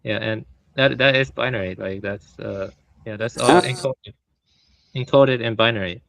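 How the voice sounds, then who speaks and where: A man's voice: mid-range voice, moderate pace, creaky, a bit bright, dry recording, poor audio. A man in a casual chat explaining neural networks, hedging with lots of fillers. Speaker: podcast participant.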